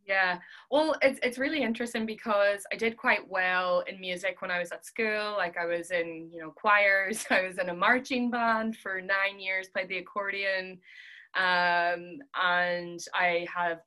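A woman's voice: fairly low pitch, steady tone, measured pace, bright, forceful tone. A woman in her twenties with a Donegal Irish accent, chatting informally in an interview and often saying "like". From Donegal, Ireland. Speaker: podcast guest, singer-songwriter. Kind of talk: casual conversational interview.

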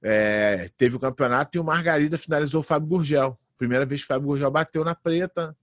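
A man in his late thirties, a jiu-jitsu fighter, telling lively anecdotes in a casual interview. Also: on the high side, fast, no echo, studio quality. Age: late 30s. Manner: animated anecdotes, acts out quoted voices.

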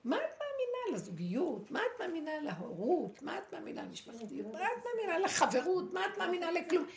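A woman giving a dramatic, preachy spiritual talk to a group, with pointed pauses. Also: extremely high pitch, very animated. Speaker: spiritual teacher. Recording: echoey room, faint noise.

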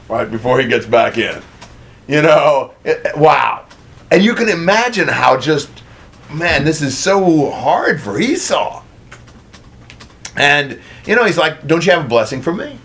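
A man preaching a conversational sermon, retelling a story in an animated, chatty way. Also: a little high, gravelly.

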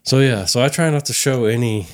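A man's voice: mid-range voice, brisk, no room sound, clean studio sound. A man in his thirties hosting a podcast, loose and joking, swearing often. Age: 30s. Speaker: podcast host. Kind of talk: casual podcast chat.

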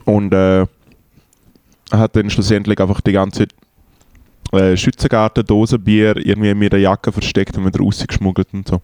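A man's voice: fairly low pitch, flat delivery, normal speed, darkish tone, clear, resonant tone, no echo. Slangy Swiss German young man. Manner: rambling storyteller, slangy, many fillers. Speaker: podcast co-host. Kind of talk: casual chat.

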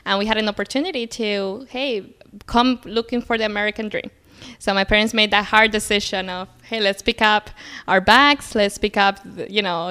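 A young adult woman from Colombia, a native Spanish speaker, appears as a guest on a podcast in a casual interview conversation. She sounds upbeat and positive, uses lots of fillers, and her medium-pitched voice is sharp, clear and resonant.

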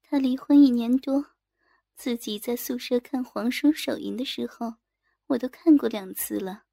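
A woman's voice: fairly high pitch, normal speed, creaky, mellow, no echo, clean studio sound. A woman narrating a first-person adult audio story in an intimate manner, speaking directly to the listener.

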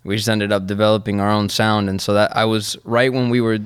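A man's voice: fairly low pitch, level tone, brisk, clear, resonant tone, no echo, clean studio sound. A man from Argentina, a musician guest, telling his story in a casual, easygoing interview and laughing often.

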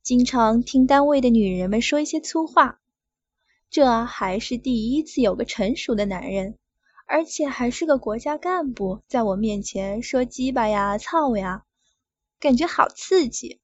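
Middle-aged woman, first-person adult story narration, fairly high voice, dry close sound, dull lo-fi. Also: expressive, unhurried, no room sound.

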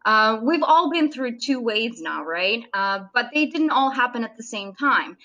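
A woman's voice: a little high, expressive, measured pace, sharp tone, muffled recording. A woman in her thirties from Serbia, a native Serbian speaker, chatting as a surgeon guest in an interview and laughing often. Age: 30s. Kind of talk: casual interview chat.

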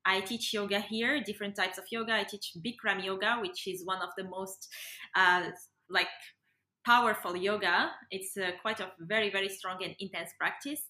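A young adult woman from Morocco, guesting casually on a podcast interview as a yoga and breathwork facilitator, speaks at a moderate pace in a medium pitch. Her intonation stays fairly even and her tone sharp, and the audio sounds roomy and echoey.

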